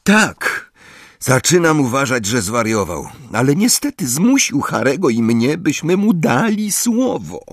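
A man's voice: medium pitch, sing-song, unhurried, no room sound, studio quality, pitched above the performer's own voice. A man voicing a fretful, insistent schoolgirl. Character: earnest teenage schoolgirl, know-it-all, fretful. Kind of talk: audiobook character voice.

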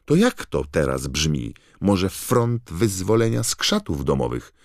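A man's voice: low-pitched, very animated, a little slow, no echo, studio quality, pitched above the performer's own voice, heavily acted. A man voicing a scornful teenage schoolboy who mocks his friend. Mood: mocking. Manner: mocking, scornful.

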